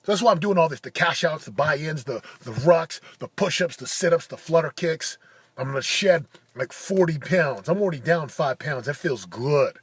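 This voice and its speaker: Husky, emphatic man in his forties. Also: a little high, animated, moderate pace, no echo. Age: 40s. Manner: punchy, emphatic, building to shouted declarations. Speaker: motivational speaker. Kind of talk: motivational monologue.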